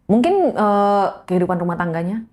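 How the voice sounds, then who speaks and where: A woman's voice: mid-range voice, normal speed. A woman talking in a casual podcast chat, telling stories emphatically and pressing her points. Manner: emphatic, animated storyteller, calls the listener "Mas". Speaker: podcast guest.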